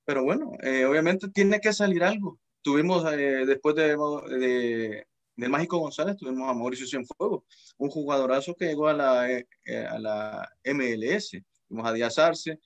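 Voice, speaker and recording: A man from El Salvador, a guest in a casual panel chat over a video call, speaking hesitantly with frequent pauses to find his words. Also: medium pitch. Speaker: guest commentator.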